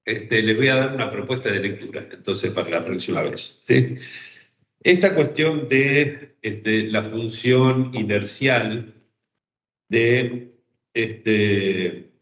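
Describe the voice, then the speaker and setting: Over a video call, a man with a medium-pitched, fairly bright voice teaches an online seminar on psychoanalysis. He speaks thoughtfully, with many fillers and frequent check-ins with listeners, and the call audio is roomy and dull.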